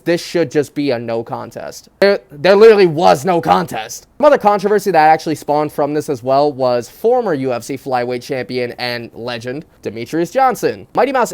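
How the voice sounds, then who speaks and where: A man's voice: a little high, a little mellow, smooth. A man speaking into wired phone headphones as a mic, giving casual, opinionated fight commentary in a slangy, blunt way with some swearing. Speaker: sports commentary vlogger. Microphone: wired phone headphones used as microphone.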